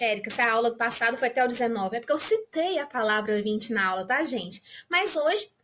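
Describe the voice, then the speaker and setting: A woman's voice: high-pitched, pushed and bright, a little hiss or hum. A woman from Brazil teaching an English lesson to beginners, patiently checking in with her students all the time. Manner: patient, checks in with the class constantly.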